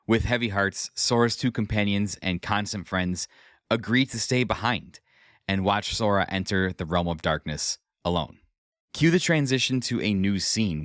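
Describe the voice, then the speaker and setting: Dry, low-voiced man recapping a story. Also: fairly bright tone, dry recording. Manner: conversational asides in a scripted read. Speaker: podcast host. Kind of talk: scripted story recap narration.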